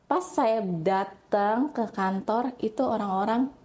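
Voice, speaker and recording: A woman's voice: on the high side, takes it slowly, a little mellow, a little hiss or hum. A young adult woman chatting casually while telling her personal story, filling her talk with small tags. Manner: chatty, many fillers like "gitu". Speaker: convert sharing her story.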